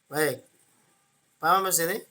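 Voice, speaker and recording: Bright-voiced Indonesian man teaching Arabic. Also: fairly high pitch, unhurried. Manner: patient, explains step by step with frequent "ya". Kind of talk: online Arabic grammar class.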